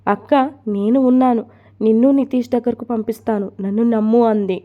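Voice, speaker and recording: A woman voicing a caring younger sister who calmly reassures her older sister. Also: fairly high pitch, fairly quick, phone-quality sound, lightly acted. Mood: reassuring. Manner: reassuring, persuasive.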